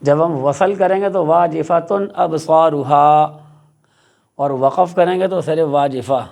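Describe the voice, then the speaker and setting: Man, Quran teacher, gravelly, repeats example words slowly. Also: on the high side, a little mellow. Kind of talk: tajweed lesson.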